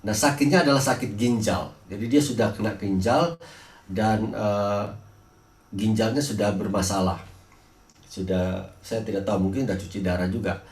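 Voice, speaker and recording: A man's voice: lowish voice, normal speed, roomy sound, recorded from a distance. A man preaching a sermon, telling healing stories with frequent restarts and hesitations. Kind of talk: sermon with personal healing testimony.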